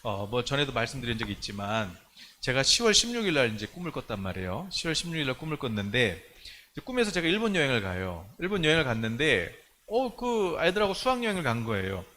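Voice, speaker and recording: A man's voice: mid-range voice, very animated, quick pace, sharp tone. A man preaching a sermon as pastor, recounting a dream and acting out the voices in it. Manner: storytelling, acting out his own dream with rising urgency. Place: church sanctuary. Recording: faint background noise in a church.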